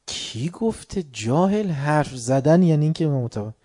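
A man giving a religious lecture, swinging between soft asides and loud, heated outbursts. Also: fairly high pitch, expressive. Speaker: preacher.

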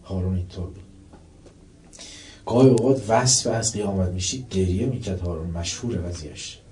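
A man's voice: low voice, darkish tone. A man preaching a sermon, dramatically retelling a story and voicing the people in it. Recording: roomy echo, distant mic.

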